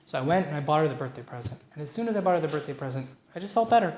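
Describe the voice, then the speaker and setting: A man's voice: a little high, animated, racing, darkish tone, slight background noise. A man leading a relationship workshop, talking informally with personal stories and asides. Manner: chatty lecturing with personal anecdotes and asides. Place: workshop room at a community centre. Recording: roomy room recording.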